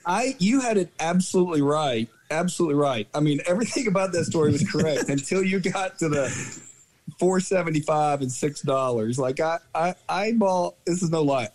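A man's voice: on the high side, a little mellow. A man, a soccer coach, guesting on a casual podcast interview and telling rambling anecdotes full of fillers and self-corrections.

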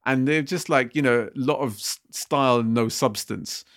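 Male co-host, gravelly voice, rambling casual talker. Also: mid-range voice, moderate pace, a bit bright. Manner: rambling, laughing, lots of fillers. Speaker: podcast co-host. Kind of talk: casual chat.

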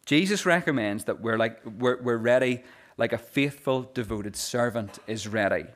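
Delivering a sermon, a pastor speaks earnestly in a mid-range voice. Phrases frequently begin with a repeated word, and his pace drops whenever he reads from scripture.

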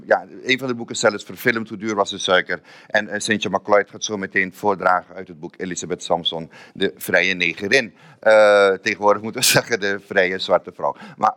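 Lively male host telling stories on stage. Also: mid-range voice. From Surinamese family. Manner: animated, self-mocking, repeats words. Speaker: event host. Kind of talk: comic stage storytelling. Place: stage at a live event.

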